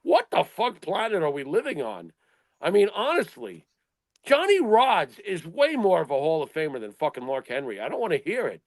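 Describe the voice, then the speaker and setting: This middle-aged wrestling talk show co-host has a high voice that swoops wildly in pitch, moving at a moderate pace with no room sound. Blunt and fed up, he swears and rattles off rhetorical questions during a casual, opinion-driven panel chat.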